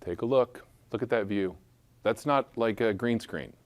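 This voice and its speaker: Low-voiced playful male charity auctioneer. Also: moderate pace, no room sound. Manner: playful, joking asides between bids. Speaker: auctioneer at a school benefit. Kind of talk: live charity auction calling.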